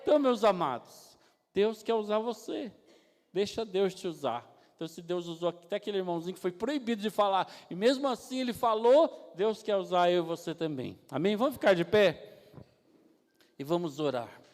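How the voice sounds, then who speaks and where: A man's voice: high-pitched, a little fast. A man with a Brazilian Portuguese accent, preaching a storytelling sermon in a church and then leading a prayer. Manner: lively storyteller who acts out voices. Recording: long reverb of a church hall.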